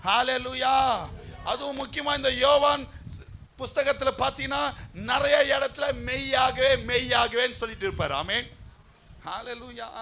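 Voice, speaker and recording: High-voiced male pastor, gravelly, calling out and shouting, faint hall noise. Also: fairly even intonation, moderate pace. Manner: calls out to the congregation, rising to shouts. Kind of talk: sermon. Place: church hall.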